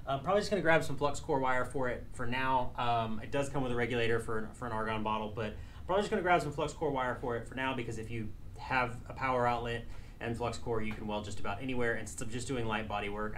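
A young aircraft mechanic who hosts a channel talks casually to camera in an indoor workshop classroom with benches and tool cabinets, rambling with restarts and self-corrections. His medium-pitched voice is a bit bright. There's slight background noise.

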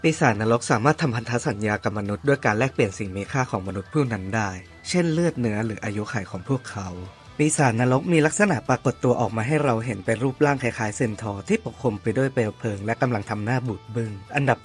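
A man reads a scripted ranking voice-over at a brisk clip, his delivery steady and informative. His voice sits at an ordinary middle pitch. Soft background music plays quietly beneath him. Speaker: channel host. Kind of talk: scripted narration.

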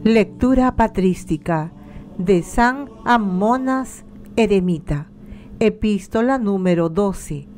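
Calm woman with a mellow reading voice. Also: mid-range voice. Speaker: liturgical reader. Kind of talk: slow, solemn devotional reading.

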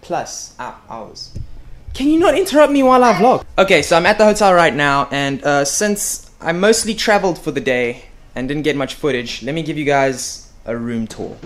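A man's voice: fairly high pitch, lively intonation, normal speed, slight background noise. A young man chats straight into a camera held at arm's length. He rambles, restarts sentences and jokes around in a casual vlog style, with some music underneath. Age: young adult. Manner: rambling, self-interrupting, playful. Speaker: vlogger. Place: hotel room and outdoors, handheld. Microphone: camera mic at arm's length.

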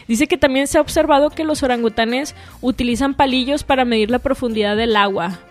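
A woman's voice: high voice, brisk. A young woman with a Mexican accent hosting a casual solo radio show, chatty and full of slang and swearing. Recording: music playing faintly behind.

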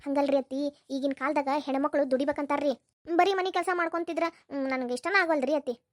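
A timid young daughter-in-law pleads hesitantly in a North Karnataka Kannada accent, as a woman voices her. Her voice is very high and the pace is quick. The sound is dry and close. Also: fairly even intonation, dry recording, close to an everyday voice.

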